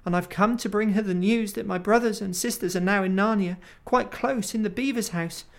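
A man's voice: mid-range voice, lively intonation, moderate pace, sharp tone. A man voicing a young boy who trembles and stammers as he pleads, in a storybook reading. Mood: frightened. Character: young boy, frightened and eager.

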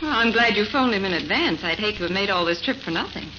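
A woman's voice: medium pitch, animated, quick pace, natural voice. An actress playing a plucky, chatty detective's assistant in an old American radio drama, with eager, girlish exclamations. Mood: curious. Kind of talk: mid-century American radio drama acting. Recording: muffled, noisy vintage radio recording.

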